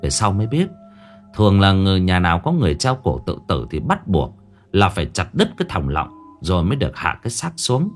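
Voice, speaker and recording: A man's voice: deep voice, big pitch swings, fairly quick. A man narrating a horror story with dramatic expression. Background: faint music.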